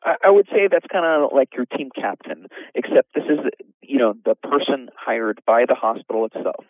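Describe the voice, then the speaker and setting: A man's voice: mid-range voice, expressive, normal speed, no room sound, narrow, tinny audio. A man, an orthopedic surgeon, explaining things in a podcast interview with many fillers and restarts.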